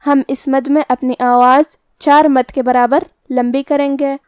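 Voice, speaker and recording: A woman teaching Quran recitation, explaining the pronunciation of each letter and reciting verses slowly and carefully. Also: sits high, flat delivery, a little mellow, no echo, studio quality. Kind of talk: tajweed lesson, explaining letter by letter.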